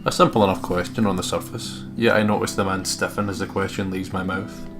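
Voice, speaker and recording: A man co-hosts a let's play, reading the game's text as expressive narration and tossing in casual commentary. His voice sits low and brisk, with game music playing underneath.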